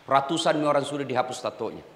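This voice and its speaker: A middle-aged man preaching a humorous sermon to prison inmates in Makassar-accented Indonesian, swinging between loud exhortation and low asides and acting out quoted voices. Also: quick pace. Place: large hall in a prison. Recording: echoey hall.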